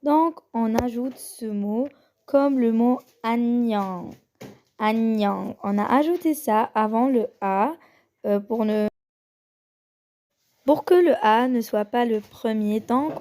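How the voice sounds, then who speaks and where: Slow-talking woman teaching the Korean alphabet. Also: on the high side, darkish tone. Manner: slow, hesitant, with many pauses and fillers; repeats each sound slowly for the learner. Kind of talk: casual lesson on the Korean alphabet.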